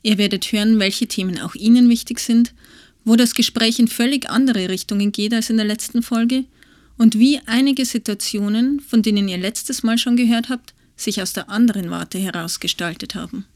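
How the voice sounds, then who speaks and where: A woman co-hosting a podcast, reading a measured, explanatory scripted intro. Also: on the high side, darkish tone, no room sound, studio quality. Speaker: podcast co-host.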